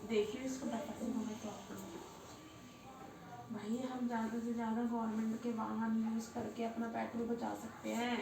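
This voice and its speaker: A woman tutoring children at home, bossy and quick to raise her voice as she drills them on reading. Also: a little high, little pitch movement, gravelly. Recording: echoey room from far off, noisy.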